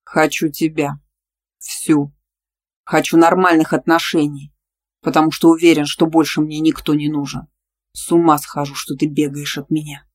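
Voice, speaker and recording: A cocky, possessive young male teacher, blunt and pushy in his demands, with a teasing edge. A narrator reads him in an audiobook. Delivered at a steady, ordinary pitch. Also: moderate pace, close to an everyday voice. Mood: tender. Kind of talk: audiobook dialogue reading.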